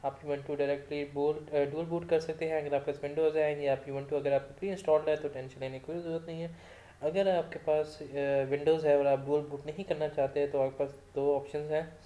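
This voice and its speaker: A male lecturer with a sore throat who coughs now and then, giving a casual software tutorial. He rambles, often corrects himself and mixes in English technical terms. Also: on the high side, level tone, normal speed. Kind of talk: screen-recorded software tutorial.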